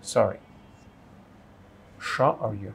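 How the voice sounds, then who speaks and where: A man's voice: lowish voice, creaky, a little hiss or hum. A man from Bangladesh teaching English pronunciation, who stretches out the example words and often checks with "right?". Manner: drawn-out model pronunciations, frequent "right?". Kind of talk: slow explanatory lesson.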